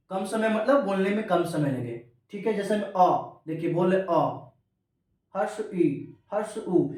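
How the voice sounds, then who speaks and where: A male teacher giving an exam-prep grammar lesson, repeating each key term and calling his students children. His voice carries heavy echo, as if from across a bare classroom. He sounds set back from the microphone. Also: high voice. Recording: very echoey room, distant from mic.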